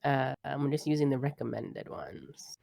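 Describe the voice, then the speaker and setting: A woman with a notably deep voice chats casually during a board game night, asking rule questions and laughing easily. The sound is dry and close. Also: measured pace, creaky, mellow, no room sound. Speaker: co-host player.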